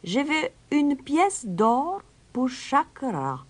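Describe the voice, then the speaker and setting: A woman voicing a calm, mysterious young male stranger, a piper, in a storybook reading. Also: high-pitched, very slow, voice pushed up, heavily acted. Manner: calm, quiet, raised voice.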